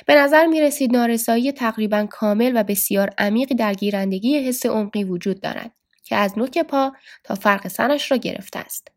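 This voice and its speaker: A woman narrating a book as a steady, scripted audiobook reading. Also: on the high side, no echo, studio quality. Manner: steady storytelling.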